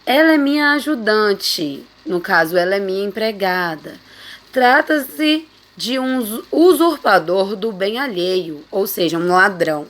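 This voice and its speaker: A woman's voice: medium pitch, expressive, a little slow, a bit bright. A woman teacher explaining a lesson, reading out examples and often checking with the listener. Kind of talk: explaining figures of speech in a lesson.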